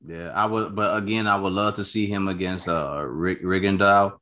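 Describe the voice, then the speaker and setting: A man co-hosting a boxing chat show, bantering in a relaxed way with joking slang. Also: sits low, normal speed. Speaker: boxing podcast co-host. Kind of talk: casual sports chat.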